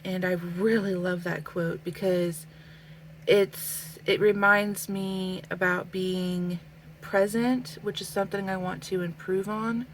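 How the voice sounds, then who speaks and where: A young adult woman vlogs while drawing, talking slowly and thoughtfully in a casual way, with lots of fillers and a sniffly, stuffy nose. Her mid-range voice has little pitch movement, and the low-quality recording carries slight background noise.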